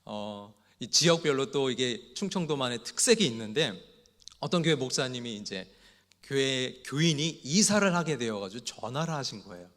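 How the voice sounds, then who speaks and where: A man's voice: mid-range voice, expressive, normal speed, fairly bright tone. A male pastor preaching an evening worship sermon and telling humorous anecdotes along the way. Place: church sanctuary. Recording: long hall reverb.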